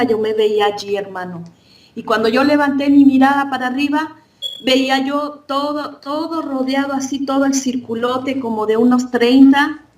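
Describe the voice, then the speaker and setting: A woman's voice: fairly high pitch, far from the mic. A woman earnestly recounting a spiritual vision as a church testimony, often restarting her sentences. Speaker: church member giving testimony. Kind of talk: religious testimony.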